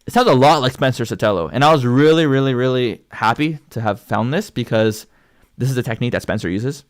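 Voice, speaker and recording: A young man with Canadian English speech, a singer and channel host, delivers brisk, casual livestream talk about his own vocal progress in a mid-range voice. It's rambling and filler-heavy, full of likes and ums.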